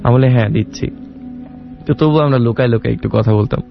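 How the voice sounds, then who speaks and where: A man's voice: medium pitch, fast talker, gravelly, lo-fi sound, soft background music. A young man telling a long personal story in a rambling way, acting out the dialogue as he goes. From Bangladesh. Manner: rambling, with many restarts and quoted dialogue.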